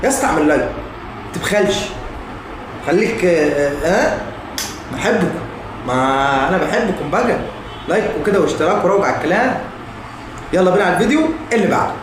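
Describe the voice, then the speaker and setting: A man's voice: sits high, lively intonation, fast, long pauses. An Egyptian man hosting comedy reaction videos, talking casually and exclaiming as he comments. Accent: Egyptian Arabic. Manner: exclaiming, addressing viewers and clips informally. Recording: very echoey room, noisy background.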